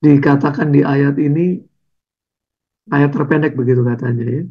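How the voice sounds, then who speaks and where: A man's voice: fairly high pitch, steady tone, moderate pace, vocal fry, slightly rough, dull audio. A man preaching a conversational sermon over slides, tagging his phrases with "ya" and "gitu".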